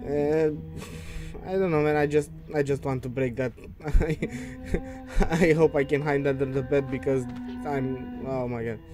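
A man's voice: mid-range voice, fairly even intonation, a little slow. A man giving casual, nervous commentary as he plays a horror game, sounding scared and swearing freely. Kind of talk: casual let's-play commentary. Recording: game music behind the voice. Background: video game music.

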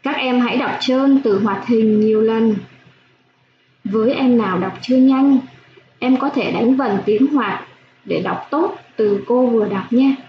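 A woman primary school teacher giving a slow phonics lesson for young children, spelling out sounds clearly with gentle instructions. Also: fairly high pitch. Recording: echoey room, dull lo-fi sound, faint hiss.

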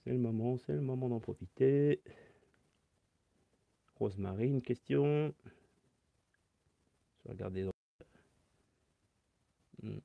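Man, saxophone teacher, chatty live Q&A, mid-pitched voice, dry slightly muffled phone audio. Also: takes it slowly, vocal fry, long pauses, no echo. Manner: chatty, explains step by step, reads chat comments aloud. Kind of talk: live-stream Q&A.

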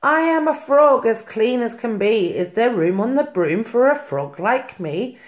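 A woman's voice: a little high, big pitch swings, unhurried. A woman reading aloud and voicing a small, polite, eager frog. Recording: roomy echo.

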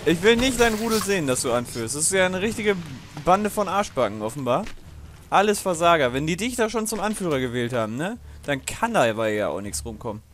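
Chatty, higher-voiced man playing a game. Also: very animated, fairly quick, a bit bright, a little hiss or hum. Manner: chatty, digressive, swearing, laughing often. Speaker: let's play host. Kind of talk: casual gaming commentary.

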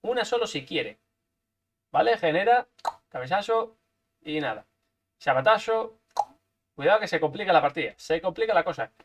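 A man's voice: sits high, expressive, normal speed, pauses often. A man from Spain, commentating his own gameplay live, playful and full of repeated sound effects. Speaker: gaming streamer.

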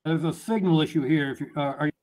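A man's voice: fairly high pitch, fast, a little mellow. A man calling in as a guest over a video call, his audio freezing and breaking up, speaking in short plain statements. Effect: choppy, breaking-up video call audio. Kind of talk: casual chat. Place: remote, on a call.

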